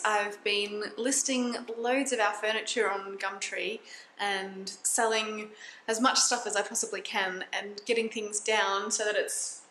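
A woman in her thirties talking to a handheld camera in a vlog, reflective and chatty with soft laughs. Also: mid-range voice, a little hiss or hum. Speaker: vlogger. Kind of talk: casual vlog talk to camera. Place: small indoor rooms of a house. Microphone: phone camera held at arm's length. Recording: roomy sound.

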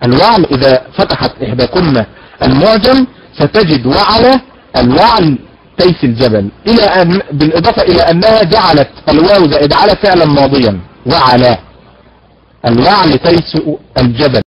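A man giving a recorded lecture on recitation, slowly demonstrating word stress, then explaining briskly and answering his own rhetorical questions. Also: a little high, animated, over a noisy crowd. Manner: asks rhetorical questions and answers them himself. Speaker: teacher of Quranic recitation. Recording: dull lo-fi recording.

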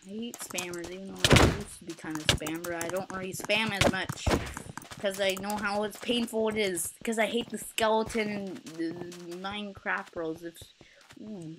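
A woman giving excitable gameplay commentary, yelping, laughing and taunting other players. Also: medium pitch. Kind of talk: excitable let's-play commentary. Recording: loud background noise with clicking.

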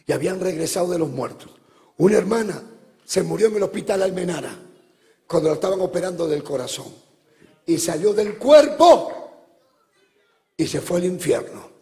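High, gravelly preacher in a hall. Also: male voice, very animated, normal speed, long pauses. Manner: impassioned storytelling preacher, bursts into shouts. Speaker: pastor. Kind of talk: sermon. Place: church, live service. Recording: long hall reverb from live church.

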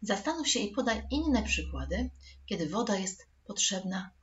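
A woman's voice: mid-range voice, sing-song, moderate pace, lo-fi sound. A woman teaching a recorded school lesson for children, patient and addressing the pupils directly.

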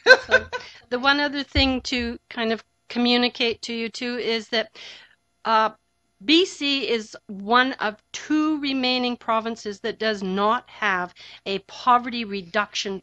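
A woman's voice: on the high side, measured pace, sharp tone, dry recording. A woman presenting to a city council in a forthright, wry manner, recorded with dull lo-fi audio in a council chamber. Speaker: community presenter.

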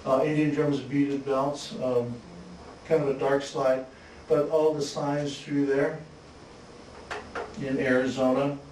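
A man presenting his photographs at a symposium, talking in a relaxed, halting way with many restarts and chuckles. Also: medium pitch. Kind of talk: slide talk at a symposium. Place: museum lecture hall. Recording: echoey hall, distant mic, faint hiss.

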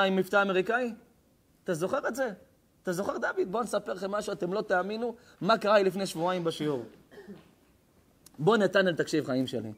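A young man preaching an ethics sermon as a rabbi. His voice sits notably high, and he moves between fiery, shouted questions and soft, confiding stories. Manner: impassioned, swings from shouting to hushed intimate tones.

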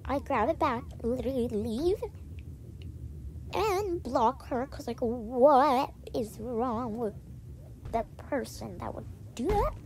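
A woman's voice: a little high, slow, darkish tone, slight background noise. A young woman casually telling a dramatic story, acting out the people in it. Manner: chatty and dramatic, acting out quoted friends.

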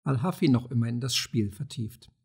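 A man narrating an audiobook of a play, reading the stage directions in a steady, measured way. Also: medium pitch, gravelly, slightly rough.

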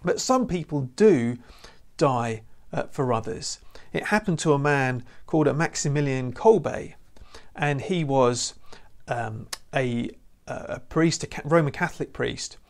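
A man preaches a recorded sermon to camera, earnest and conversational, frequently saying "you know." His medium-pitched voice is animated and creaky, at a measured pace. He wears a lapel mic in an indoor room with a lamp and a church banner.

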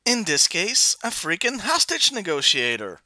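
Narrating a scripted toy review, a man delivers wry, opinionated commentary at a slightly slow pace. His voice is bright and very lively in pitch, and the recording is dry and close with no echo.

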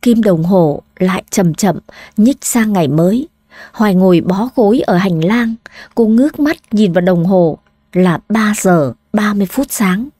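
Mellow-voiced woman narrating a story. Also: mid-range voice, unhurried, dry recording. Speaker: audiobook narrator.

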